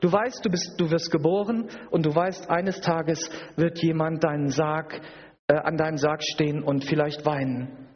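A man's voice: fairly high pitch, fairly even intonation, normal speed, husky. A man preaching a sermon at a church service, emphatic and repetitive, with rhetorical questions. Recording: dull recording in a reverberant hall.

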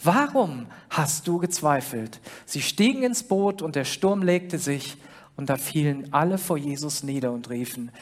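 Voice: medium pitch, expressive, moderate pace. A preacher delivers a sermon in a conversational, personal manner, addressing the listener directly. Quoted lines from the story are acted out with a lifted voice. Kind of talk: sermon retelling a Bible story.

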